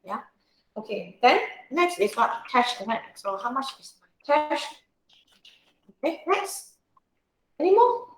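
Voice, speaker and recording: Slow and sing-song, with a high voice and frequent pauses, this woman teaches an informal accounting tutorial. She speaks Singaporean or Malaysian English, often checking with questions and using colloquial particles, and the recording is roomy and echoey.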